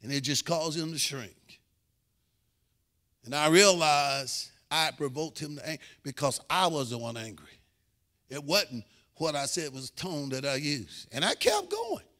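Bright high-voiced preacher shouting and chanting. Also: male voice, sing-song, unhurried. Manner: preaching with sudden shouts and sung-out lines; acts out family quarrels in character voices. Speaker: pastor. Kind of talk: sermon. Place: church.

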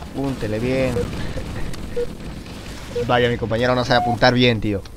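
A man with a mid-range voice talks through his shooter gameplay in a casual, excitable way. He swears often and chatters at his viewers and at the game. A faint hiss sits under the recording. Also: mid-range voice, measured pace. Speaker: gameplay commentator.

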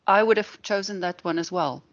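A woman's voice: mid-range voice, brisk. A woman moderating a lecture, reading out audience suggestions in a brief, matter-of-fact way. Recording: dull lo-fi recording.

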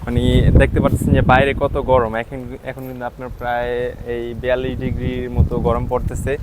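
Fast-talking man vlogging outdoors on the go. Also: medium pitch, completely flat delivery, very noisy. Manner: speaks softly and slowly because he is tired; keeps checking with "ঠিক আছে?". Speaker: travel vlogger. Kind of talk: walking travel vlog. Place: outdoors on hilltop town streets.

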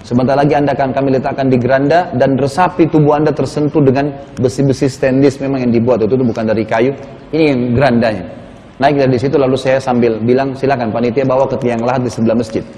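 A man's voice: mid-range voice, fairly even intonation, fast, mellow, big-room sound. A man preaching a sermon, retelling a story with quoted dialogue and building to urgent pleading.

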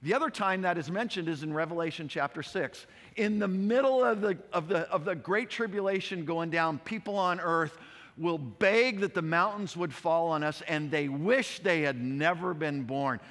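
A male pastor giving a conversational, animated expository sermon, often repeating himself. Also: on the high side, normal speed. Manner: conversational, animated preaching with repetitions. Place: church sanctuary. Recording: long hall reverb.

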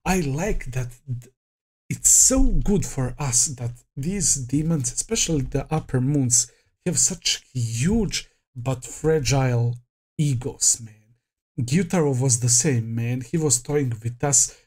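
A man's voice: medium pitch, slow, a little mellow, husky. A man hosting an anime reaction, talking casually, swearing freely, laughing often and crying out at big moments.

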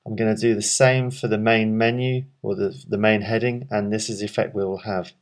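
A man with a fairly low voice narrates a screen-recorded software walkthrough. He explains each step calmly and in order, filling pauses with ums. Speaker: software tutorial presenter.

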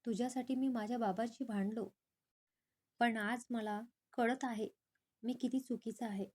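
A woman's voice: fairly high pitch, fairly even intonation, unhurried, a little mellow. A woman voicing an angry young man who feels betrayed by his lover. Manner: angry, harsh.

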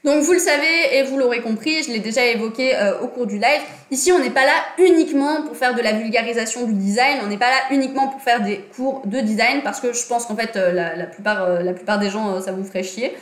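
Talking fairly quickly in a fairly high voice with hardly any pauses, this livestream host teaches casually about design and politics. She's a chatty young woman at her desk in a small room with an echo, often filling and correcting herself.

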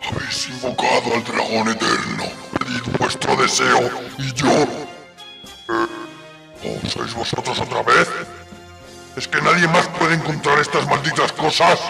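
Shenron, a man as a gravelly, distant eternal dragon. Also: medium pitch, steady tone, measured pace. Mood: irritated. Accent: Spain. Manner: jaded, sarcastic. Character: grumpy, sarcastic, foul-mouthed magical eternal dragon. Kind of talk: comedic anime parody dub. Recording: distant voice over background music.

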